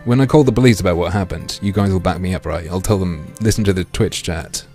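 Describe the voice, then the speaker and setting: A man livestreaming through a headset mic, reading a game aloud and joking crudely with his chat in a deadpan way. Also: low-pitched, quick pace, faint music behind.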